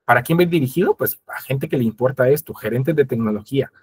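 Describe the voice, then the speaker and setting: A man's voice: mid-range voice, lively intonation, quick pace, a little mellow, husky. A man presenting an instructional webinar, explaining step by step, addressing his audience directly and acting out quoted conversations.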